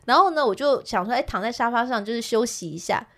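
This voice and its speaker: A woman with a Taiwanese Mandarin accent, co-hosting a podcast and telling a funny story in casual chat, with animated delivery and bursts of laughter. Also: fairly high pitch, quick pace. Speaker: podcast co-host.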